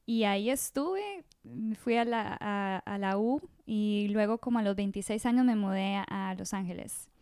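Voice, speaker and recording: A woman's voice: mid-range voice, normal speed, few pauses, a little mellow, clear, resonant tone, no echo, clean studio sound. A woman in her thirties from Rica, telling her story as a podcast guest in a chatty way, often restarting her sentences. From Costa Rica. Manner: chatty, with frequent restarts and fillers. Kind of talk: casual interview storytelling.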